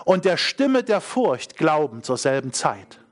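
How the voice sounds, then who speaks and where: A man's voice: on the high side, very animated, measured pace. A middle-aged man preaching a sermon, emphatic, repeating key phrases and asking the congregation questions.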